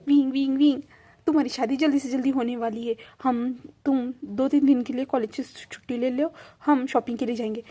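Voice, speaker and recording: A woman's voice: high-pitched, fairly even intonation, brisk, warm tone. A woman voicing a doting middle-aged mother who fusses and repeats endearments. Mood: excited.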